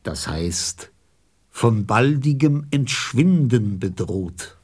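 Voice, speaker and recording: In a radio play, a male voice plays a pompous old geographer, husky, slow, and darkish, with big swings in pitch. The heavily acted, expressive performance makes every statement sound pedantic, officious, and full of self-importance.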